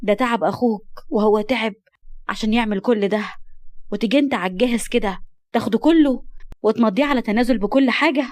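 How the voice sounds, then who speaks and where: A woman's voice: a little high, quick pace, a little mellow, close to an everyday voice. A woman voicing a frantic, wailing mother desperate for her lost daughter, with an Egyptian accent. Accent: Egyptian Arabic.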